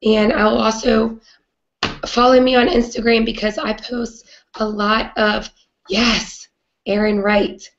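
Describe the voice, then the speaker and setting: A woman with a raspy, hoarse voice from a cold, hosting a live video chat in an earnest way with many "um" fillers. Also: a little high, little pitch movement, slow, dull audio, a little hiss or hum. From not British. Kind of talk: casual live-stream talk.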